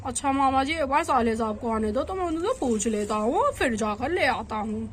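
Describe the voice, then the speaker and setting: A woman's voice: high-pitched, lively intonation, moderate pace, slight background noise. A woman voicing an earnest middle-aged village father explaining family matters in a doll storybook.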